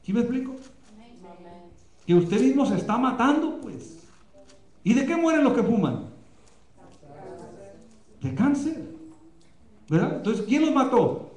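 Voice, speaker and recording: A male pastor preaching a sermon with passion, often pausing on fillers. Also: very high-pitched, big pitch swings, darkish tone, echoey room. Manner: impassioned preaching, many filler pauses. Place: church, live streamed.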